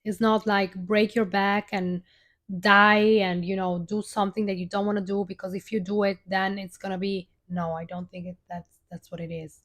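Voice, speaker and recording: Young female streamer, mid-pitched, casual and earnest, restarts her sentences often. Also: little pitch movement, moderate pace, a bit bright. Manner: rambling, heartfelt, many restarts. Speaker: live stream host. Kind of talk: casual personal storytelling.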